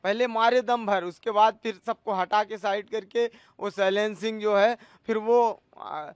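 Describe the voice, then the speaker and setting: In a news interview, a thirty-something cook who says he was assaulted argues his case, repeatedly addressing the interviewer as sir. He speaks in a high voice with fairly even intonation at a measured pace, and the audio is smooth with no echo.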